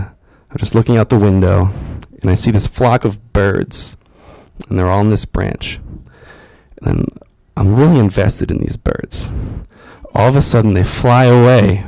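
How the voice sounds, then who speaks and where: Young male stand-up comic, animated storyteller, dry close mic. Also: lowish voice, a little slow, creaky, no echo, poor audio. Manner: animated storytelling, acts out his own panicked voice. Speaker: stand-up comedian. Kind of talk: stand-up comedy set. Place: comedy club stage.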